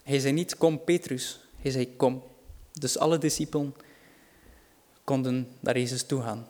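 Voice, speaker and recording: A man's voice: medium pitch, steady tone, a little slow, dark tone. A man preaching a sermon, earnest and reassuring, rising in volume for dramatic quotes.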